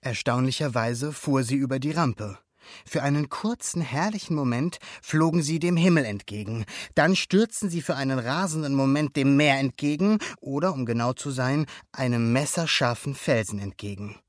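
A man narrating a storybook aloud in an expressive, animated way. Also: mid-range voice, normal speed, dry recording, studio quality. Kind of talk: storybook reading.

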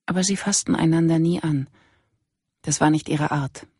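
An audiobook narrator giving a measured, even scripted reading. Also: mid-range voice, slightly rough, no room sound, studio quality. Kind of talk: scripted narration of a crime novel.

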